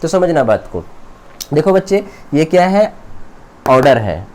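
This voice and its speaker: A man's voice: fairly high pitch, very animated, darkish tone. A man teaching English grammar in a classroom-style lecture, repeating terms and quizzing his students as he goes. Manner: explains slowly, repeats terms and asks the students questions.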